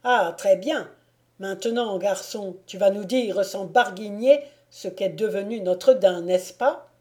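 Brief: scornful baron-huntsman, loud, commanding, slow and mellow, read by a woman. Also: medium pitch, lightly acted. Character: domineering noble man, a mocking baron-huntsman. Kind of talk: audiobook reading.

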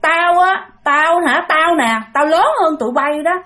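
A woman's voice: extremely high pitch, a little slow, pushed and bright, voice pushed up, exaggerated voice. A woman voicing the rowdy spirit of a dead drinker who speaks through a young man, bossy and demanding.

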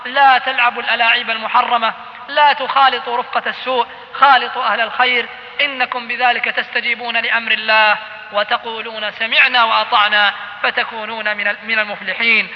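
A man's voice: very high voice, level tone, fast talker. A man preaching a sermon, admonishing and telling cautionary stories with passion. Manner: impassioned, admonishing storytelling. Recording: lo-fi recording in a reverberant hall.

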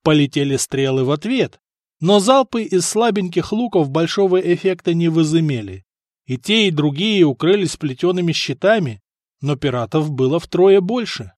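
Male audiobook narrator, lively and dramatic, higher voice, dry close studio sound. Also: moderate pace, dry recording. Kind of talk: scripted narration.

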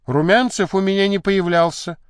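A man's voice: high voice, normal speed, smooth, no room sound, clean studio sound, close to an everyday voice. A man voicing an indignant, defiant young woman in an audiobook.

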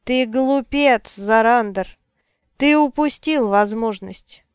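A woman's voice: medium pitch, slow, mellow, smooth, no room sound, clean studio sound, natural voice. A woman voicing a scornful enemy male wizard who barks his orders in an audiobook. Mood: mocking. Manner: barking, mocking.

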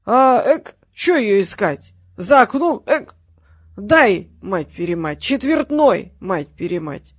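A reader voicing a drunk middle-aged father who shouts, curses and drags his words in an audiobook. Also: medium pitch, sing-song, slow, breathy edge, no room sound, clean studio sound, exaggerated voice. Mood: drunken bellowing. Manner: shouting, slurred, drawn out. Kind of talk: audiobook character voice.

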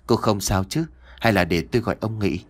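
A man voicing a calm, kind young soldier who speaks softly and reassuringly. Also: lowish voice, brisk, lightly acted. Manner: soft, reassuring.

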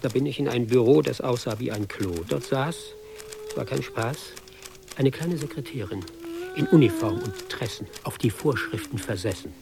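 A man's voice: mid-range voice, big pitch swings, normal speed, gravelly, noisy background. An actor playing a hapless young army recruit, reciting his tale in ironic, sing-song rhyme for a radio play. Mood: sardonic.

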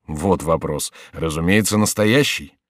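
A man's voice: extremely low pitch, measured pace, dry recording, clean studio sound, voice pushed down. A man voicing a frightened male monk who answers evasively and pleads under threat. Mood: pleading.

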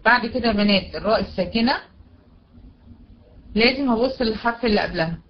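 A woman teacher with an Egyptian Arabic accent explains recitation rules step by step, recites example words slowly and often checks that her students follow. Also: a little high, slight background noise. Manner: often checks understanding with "tamam?". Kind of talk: recorded tajweed lesson. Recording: dull, lo-fi recording.

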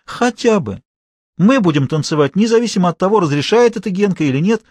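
A man's voice: sits high, animated, fairly quick, darkish tone, slightly rough, no room sound, pitched above the performer's own voice. A man voicing an earnest Soviet schoolgirl activist who speaks firmly and lectures. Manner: firm, lecturing.

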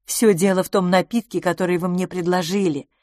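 A woman voicing a flustered, anxious middle-aged governess in an audiobook, her pleading lines rising high. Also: steady tone, a little fast, a little mellow, no echo, clean studio sound, natural voice. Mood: apologetic. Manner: agitated, pleading, rising pitch.

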